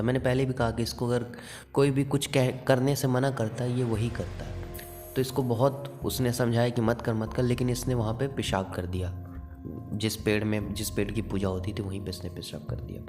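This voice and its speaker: A man's voice: mid-range voice, fairly even intonation, moderate pace, darkish tone, faint music behind. Man telling a horror story conversationally. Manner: conversational, with fillers. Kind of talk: casual storytelling.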